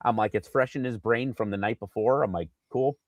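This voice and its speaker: A man co-hosting a casual sports podcast, telling an animated story with lots of fillers and acted-out quotes. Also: medium pitch, a little fast, no echo, dull audio. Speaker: podcast co-host.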